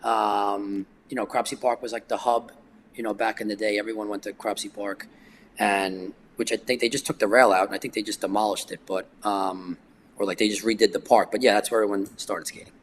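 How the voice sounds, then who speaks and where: A man's voice: on the low side, steady tone, fairly quick, slight background noise. A man, chatting casually as a podcast guest and rambling with lots of fillers. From New York. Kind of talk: casual chat.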